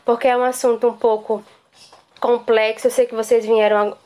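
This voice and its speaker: A middle-aged woman teaches a recorded lesson to young pupils. Her voice sits a little high, and she explains patiently and methodically, restating each point and checking that the class follows. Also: little pitch movement, normal speed, dark tone.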